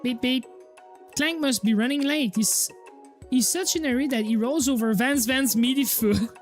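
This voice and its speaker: A woman's voice: high voice, moderate pace, faint music behind. A woman streamer reading a visual novel aloud in a playful way and laughing often.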